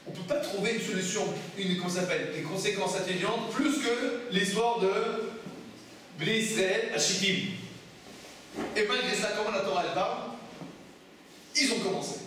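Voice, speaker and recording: A rabbi teaches a class of students, pressing them with emphatic questions. His voice sits high for a man. The room echoes heavily and he is recorded from a distance. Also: a bit bright. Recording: echoey room, from far off, faint noise.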